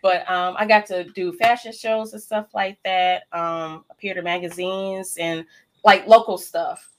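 A woman's voice: lowish voice, fairly even intonation, measured pace. A woman in her thirties, a guest in a casual chat, talking easily with frequent fillers and laughs. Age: 30s. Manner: chatty, laughs often, uses lots of fillers.

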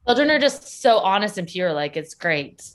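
A woman's voice: medium pitch, very animated, normal speed. A woman talking casually as an interview guest about her work with parents and children, upbeat and laughing often as she speaks. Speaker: guest, parenting educator and school founder.

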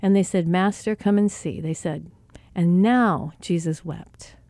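An earnest woman gives a reflective spiritual talk and retells scripture in her own words. Her voice is mellow and dark-toned. The recording is dry and close, with no room sound. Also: lowish voice, a little slow, no echo.

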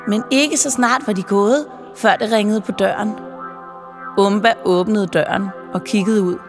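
A woman narrating a children's Christmas story with lively, playful storytelling. Her voice sits in an ordinary mid range. The reading rings with a long reverb over soft background music. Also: medium pitch.

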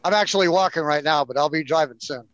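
A man's voice: a little high, quick pace, fairly bright tone. A man chatting casually as a podcast guest over a dull, lo-fi remote connection. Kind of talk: casual chat.

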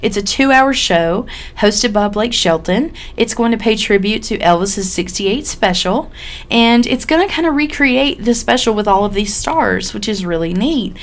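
A woman with a mid-pitched voice co-hosts a casual podcast. She talks in a chatty, folksy way and sounds slightly under the weather, as if she has a cold. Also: lively intonation, normal speed. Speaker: podcast host.

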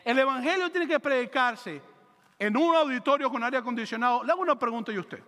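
A man preaching a sermon as pastor, animated and joking, acting out quick voices for biblical characters. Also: extremely high pitch, big-room sound.

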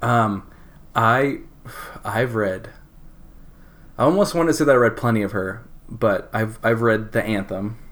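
A man's voice: on the low side, measured pace, pauses often. A man hosting a podcast, chatting casually over beers, rambling and laughing as he talks. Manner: laughs often, relaxed and rambling. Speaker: podcast host.

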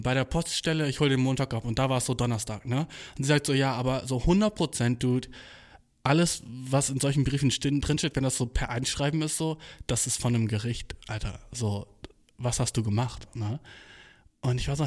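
A young man doing a casual solo podcast, talking in heavy slang laced with English swearing, recorded on a cheap smartphone in a makeshift home studio. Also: medium pitch. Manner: slangy, full of English swearing, "Bro" and "Dude".

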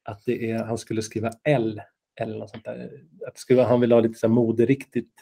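A man's voice: medium pitch, monotone, creaky, dark tone. A man co-hosting a casual podcast chat, explaining things with fillers and restarts and teasing his partner. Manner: chatty, explains with hesitations and fillers; teasing, playful. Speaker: podcast co-host.

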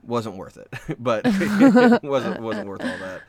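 A man chatting casually, telling stories with lively acted-out quotes. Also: takes it slowly, crowd noise. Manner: animated storyteller, acts out quotes with big pitch jumps. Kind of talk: casual chat.

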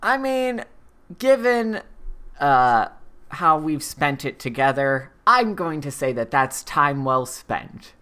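A woman's voice: low-pitched, sing-song, slow pace, fairly bright tone. A woman co-hosting a podcast, chatting casually as she reviews a film. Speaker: podcast co-host.

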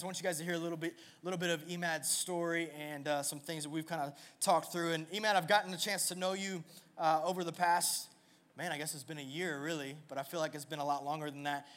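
A man's voice: on the high side, fairly even intonation, quick pace, a bit bright. A man hosting an on-stage interview at a church service, upbeat and joking in a casual way. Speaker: church youth service host.

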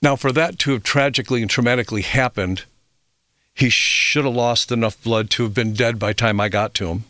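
A man's voice: mid-range voice, fairly even intonation, fairly quick, sharp tone, no room sound, studio quality. A middle-aged man hosting a health radio show, telling reflective stories with fillers and restarts. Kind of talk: radio talk monologue.

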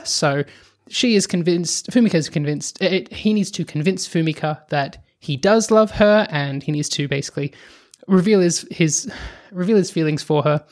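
A podcast co-host with a mid-range voice, chatting casually and explaining things in long runs. They often rush through phrases in quick bursts and let out the occasional sigh. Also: mid-range voice. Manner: explains at length, fast bursts, sighs. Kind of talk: casual chat.

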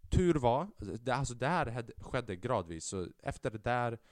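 A young man from Sweden, a podcast host telling a story in an animated way, swinging from loud outbursts to low mutters and mixing in English slang and swearing. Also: no echo, clean studio sound. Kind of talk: casual storytelling.

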